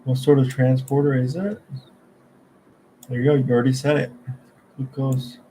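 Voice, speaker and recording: A man's voice: mid-range voice, flat delivery, moderate pace, dark tone, a little hiss or hum, rough recording. A young man thinking aloud as he studies, quizzing himself under his breath and trailing off when unsure. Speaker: student studying for an exam. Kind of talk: thinking aloud while studying.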